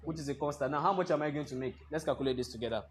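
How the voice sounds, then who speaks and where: A man's voice: on the high side, rapid-fire, a little hiss or hum. A man teaching a trading class, lecturing in a classroom and constantly quizzing students with fill-in-the-blank questions. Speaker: trading instructor.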